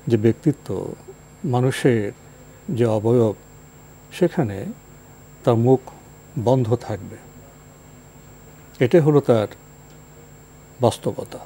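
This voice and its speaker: A male host opens and steers a formal television talk show with courteous, polished phrasing. His voice is mellow and warm, and his delivery stays measured. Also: medium pitch, a little hiss or hum. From Bangladesh.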